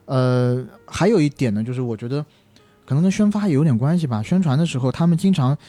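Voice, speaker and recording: A man's voice: mid-range voice, expressive, fast, dark tone, dry recording, faint music behind. A man in casual discussion, reasoning aloud and circling back over his phrases. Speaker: film industry commentator.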